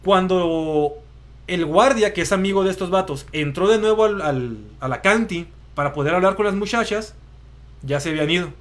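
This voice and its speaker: Casting: young northern Mexican male host, high-pitched, slangy and animated. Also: normal speed. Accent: northern Mexican Spanish. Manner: slangy, animated storytelling with acted-out quotes. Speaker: show host. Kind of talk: casual live commentary.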